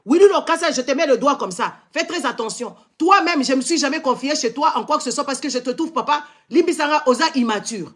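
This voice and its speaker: A man's voice: very high-pitched, fairly quick, hardly any pauses, a bit bright. Angry man with a Congolese French accent. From Democratic Republic of the Congo. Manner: angry and confrontational, repeated scolding exclamations; switches between French and Lingala mid-sentence. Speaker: live-stream commentator. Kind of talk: heated live-stream rant.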